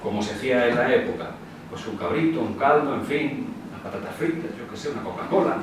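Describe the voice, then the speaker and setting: Lively Spanish preacher in an echoey church. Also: male voice, medium pitch, fast, heavy background noise. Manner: lively, conversational storytelling with acted quotes. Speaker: pastor. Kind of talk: sermon. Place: church hall. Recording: very echoey hall, preacher far from mic.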